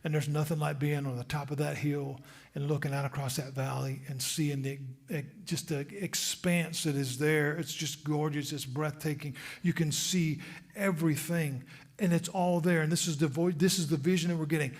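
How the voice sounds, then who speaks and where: A husky-voiced male pastor delivering a church sermon. His voice sits fairly high for a man, and he repeats phrases for emphasis. He swings from loud, pressing lines down to near-whispers. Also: steady tone, moderate pace. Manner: emphatic, repetitive, sudden drops to a hush.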